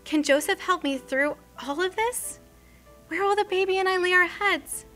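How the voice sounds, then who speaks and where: A woman's voice: very high voice, moderate pace, bright, forceful tone, voice pushed up. A woman voicing a faithful young pregnant woman in labor, strained and pleading, with faint music underneath. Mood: worried.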